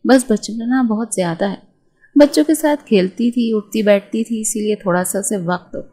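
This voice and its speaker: A woman voicing a calm middle-aged mother who explains things patiently and soothingly in an audio storybook. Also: mid-range voice, close to an everyday voice. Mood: reassuring.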